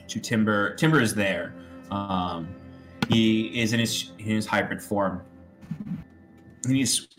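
Low, bright-toned male game master, easygoing narration. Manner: relaxed, many fillers.

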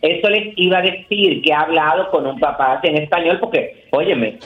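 A woman's voice: low-pitched, brisk, echoey room, dull audio, a crowd in the background. A woman co-hosting a radio show, chatting casually about celebrity gossip and rambling with many fillers.

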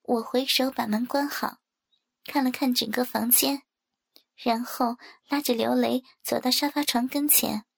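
A woman narrating a first-person story in a soft, even reading manner. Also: a little high, a little slow, gravelly. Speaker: audiobook narrator.

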